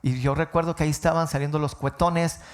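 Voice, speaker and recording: A man's voice: on the high side, fairly even intonation, fast talker. A man, a pastor preaching a sermon and telling a personal story with emotional rises and falls. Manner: emotional storytelling, voice rising and falling.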